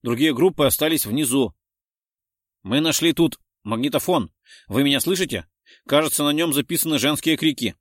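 A man's voice: fairly high pitch, expressive, normal speed, dry recording, clean studio sound. A man voicing an anxious police officer reporting over a radio, in an audiobook reading. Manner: calling over the radio, flustered.

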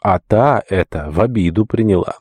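A man reads a classic novel aloud in a measured, steady narration. His voice is low and dark. It is mellow and dry, recorded close. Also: breathy edge, no echo. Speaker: audiobook narrator. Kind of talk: literary audiobook reading.

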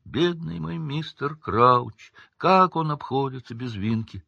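A man voicing a devoted, tearful female house-elf who squeaks indignantly in broken grammar, in a storybook reading. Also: lively intonation, slow, breathy edge, no echo, dull audio. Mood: sobbing. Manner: tearful, indignant, ungrammatical speech.

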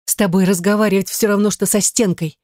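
An audiobook reader voicing a distressed young ex-wife who pleads in a raised, defensive voice. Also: female voice, mid-range voice, steady tone, quick pace, darkish tone, no room sound, clean studio sound, pitched above the performer's own voice, close to an everyday voice. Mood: impassioned. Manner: pleading, rising voice. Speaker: audiobook character. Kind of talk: audiobook reading.

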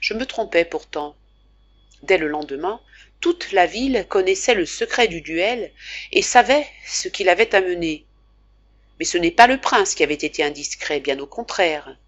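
A woman narrating a classic novel as an audiobook, reading in a measured, expressive way. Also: medium pitch.

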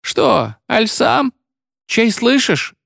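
A man's voice: extremely high pitch, sing-song, very slow, vocal fry, a bit bright, dry recording, clean studio sound, voice pushed up, exaggerated voice. A man voicing a whimpering, scolding old peasant woman who cleans a school. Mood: whining.

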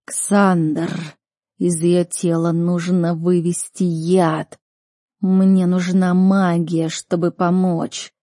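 A woman voicing an exhausted male magical predator beast that speaks quietly and slowly in an audiobook. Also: mid-range voice, fairly even intonation, no echo, studio quality. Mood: weak, urgent. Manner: slow, quiet and strained. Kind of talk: audiobook character voice.

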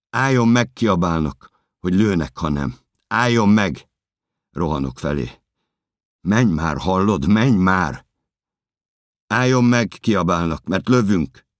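A frantic, very deep-voiced desperate man. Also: dry recording, clean studio sound. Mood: frantic shouting. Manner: terse fragmented sentences, bursts into shouting. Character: desperate man in a security booth, frantic and obsessive. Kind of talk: audiobook monologue performance.

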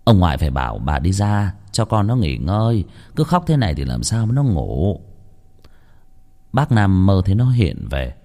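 A man narrating a horror story as an expressive storyteller. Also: lowish voice, in a large hall.

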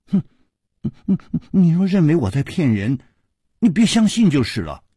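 A storyteller voicing a cheeky young male servant who teases and speaks in sly, low asides. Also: big pitch swings, moderate pace, breathy edge, no echo, clean studio sound. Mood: teasing. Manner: teasing, sly, soft asides.

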